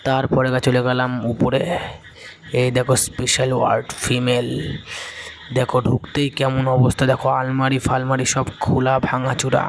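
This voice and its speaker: A man's voice: mid-range voice, completely flat delivery, normal speed. A man casually narrating his walk through an abandoned hospital for a vlog. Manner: casual, describing what is shown. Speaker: vlogger. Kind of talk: narrated exploration vlog voice-over.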